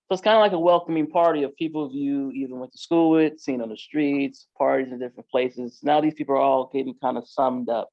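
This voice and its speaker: A man's voice: medium pitch, a little fast, hardly any pauses, no echo, dull audio. A man, a podcast guest, telling his own story in casual street slang, full of "like" and "you know".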